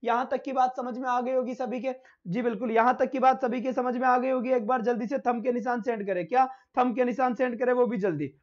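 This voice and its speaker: A man's voice: very high voice, fairly even intonation, a little fast, lo-fi sound. A male teacher giving a live online lesson, who asks his own questions, answers them himself, and calls his students "beta".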